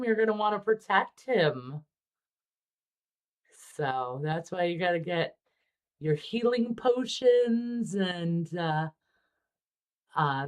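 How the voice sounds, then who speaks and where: A woman hosting a casual livestream about miniature painting, relaxed and chatty with frequent ums. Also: lowish voice.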